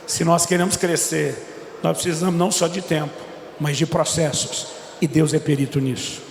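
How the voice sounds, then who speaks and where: High, gravelly-voiced pastor in echoey church. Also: male voice, moderate pace, a little hiss or hum. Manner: animated storyteller, voices quotes of himself and his son. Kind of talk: sermon with acted-out dialogue. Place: large church hall. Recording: echoey church hall with reverb.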